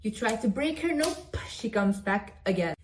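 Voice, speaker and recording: A woman's voice: a little high, expressive, moderate pace, a little hiss or hum. A young woman giving an emphatic, direct-to-camera motivational pep talk, repeating phrases for emphasis. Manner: talks about herself in the third person. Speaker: motivational vlogger.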